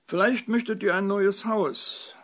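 A man's voice: high-pitched, measured pace, a bit bright, pitched above the performer's own voice. A man voicing a cheerful young fairy who grows desperate as her wishes are refused, in a storybook reading. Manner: eager, increasingly desperate pleading. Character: flustered young female good fairy.

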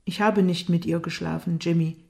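A woman voicing a blind young man who talks in a steady, measured way, in an audiobook. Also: on the low side, vocal fry. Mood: restrained.

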